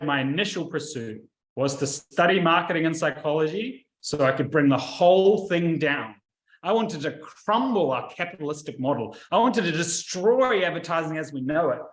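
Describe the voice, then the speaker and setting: A man, a marketing coach telling stories to camera in a lively, casual way. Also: on the high side. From New Zealand. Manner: lively storytelling, animated asides. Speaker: marketing coach and video host. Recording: roomy echo.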